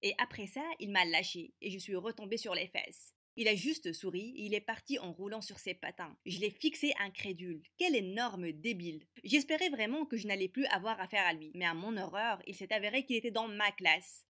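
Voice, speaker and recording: A woman voicing a feisty teenage girl who narrates an animated story with brisk, sarcastic wit. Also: medium pitch. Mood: sardonic.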